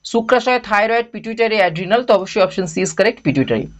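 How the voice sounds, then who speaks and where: A teacher, running a brisk exam revision lesson and often checking that students follow. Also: mid-range voice. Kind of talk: exam revision lesson going through answers. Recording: dull lo-fi sound.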